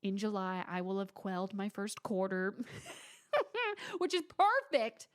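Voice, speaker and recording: A woman's voice: mid-range voice, sing-song, slow. A woman in her twenties hosting her own podcast, chatting casually and dramatically with playful asides and mock whispers. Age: 20s. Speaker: podcast host. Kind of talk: casual solo podcast chat.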